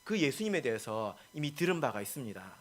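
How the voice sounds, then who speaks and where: A male pastor preaching a sermon, stressing points and asking the congregation questions, with many soft filler words between lines. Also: mid-range voice, very animated, brisk.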